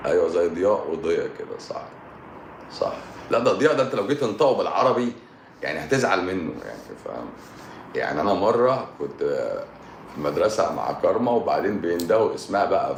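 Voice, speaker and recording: A deep, low-pitched man speaks with an Egyptian Arabic accent in an echoey room. He chats casually with his livestream viewers, joking, chuckling and repeating his phrases. A steady noise sits under his voice. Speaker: live-stream host answering viewer comments. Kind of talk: casual live-stream chat.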